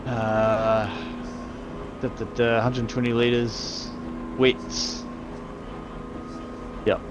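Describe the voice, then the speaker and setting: Kiwi man, laid-back team race chat, unhurried, mid-pitched, clear engine noise behind. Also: flat delivery. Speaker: sim racing team driver.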